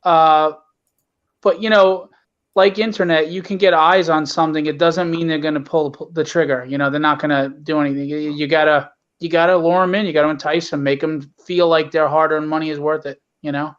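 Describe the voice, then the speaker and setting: A middle-aged indie publisher appears as an interview guest, talking casually and bluntly about his work with earnest emphasis. His voice is a little high and steady in tone, his pace a little fast, and the audio sounds dull.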